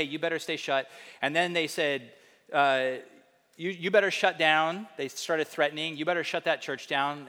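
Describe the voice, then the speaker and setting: A man preaching a sermon as pastor, animated, acting out quoted voices in a higher pitch. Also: in a large hall.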